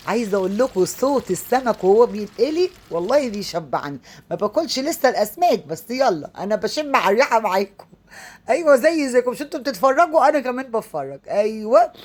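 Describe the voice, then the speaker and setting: A woman's voice: mid-range voice, darkish tone. A woman with an Egyptian accent hosting a cooking tutorial, chatty and exclaiming often as she talks viewers through a recipe. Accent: Egyptian Arabic. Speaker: cooking show host.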